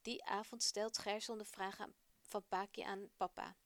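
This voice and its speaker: A woman presenting a children's radio program, reading a story aloud in a friendly, expressive way. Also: mid-range voice, moderate pace, no room sound.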